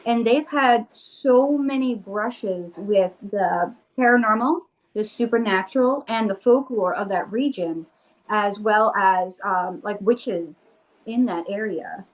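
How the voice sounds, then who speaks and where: A woman from Rhode Island, a witch and paranormal investigator, is a guest in a casual video-call interview. Her mid-range voice is slow, the sound lo-fi, and she chats eagerly with her local accent, tossing in plenty of "like."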